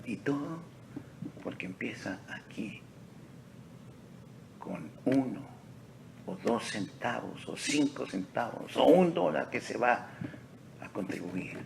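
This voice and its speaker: A male pastor preaching a sermon in a church sanctuary, slow and deliberate, dropping to near-whispers and rising to emphatic peaks. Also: medium pitch, animated, creaky, background noise. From Texas.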